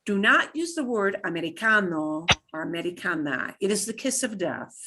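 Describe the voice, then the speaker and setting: A woman teaching a beginner language class, emphatic and instructive, pronouncing foreign words slowly and deliberately in parts and checking in often. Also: fairly low pitch, lively intonation, noisy background. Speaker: Spanish teacher.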